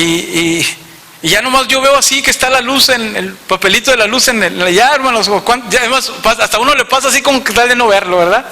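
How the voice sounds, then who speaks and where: Mexican pastor guy, really high bright voice, preaching in an echoey church hall. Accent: northern Mexican Spanish. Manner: storytelling, animated, addresses congregation directly. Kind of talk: sermon.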